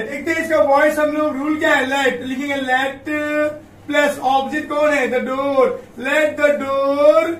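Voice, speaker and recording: Recorded in an echoey room with faint background noise and the voice far from the mic, this man speaks in a very high, fairly bright voice. He is a grammar teacher leading a classroom-style lesson, often addressing his students as kids and answering questions he poses.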